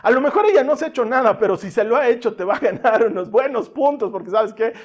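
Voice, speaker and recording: Guy preaching, high voice, goes from loud and lively to real soft and hushed. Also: fast, highs cut off. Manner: asks the congregation for amens, uses everyday examples. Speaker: pastor. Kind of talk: sermon.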